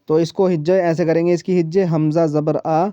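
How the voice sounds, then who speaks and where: Patient teacher drawing out syllables, dull lo-fi sound. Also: male voice, on the high side, level tone, warm tone, smooth, no room sound. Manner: patient, repeats and drawls syllables slowly to model pronunciation. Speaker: Quran reading teacher. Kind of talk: one-on-one recitation lesson.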